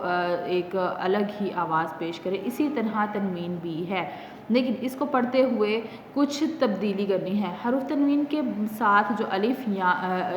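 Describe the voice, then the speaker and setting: A woman with a Pakistani Urdu accent teaching a Quran reading lesson. She explains patiently with many fillers, then drills each letter and its sound slowly. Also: mid-range voice, slight background noise. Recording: echoey, dull lo-fi classroom recording.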